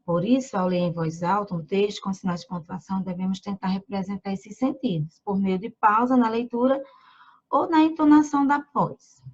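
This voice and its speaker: A woman from Brazil who teaches young children in a remote lesson. She reads slowly, names the punctuation marks aloud and asks the children questions. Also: medium pitch, fairly even intonation, lo-fi sound.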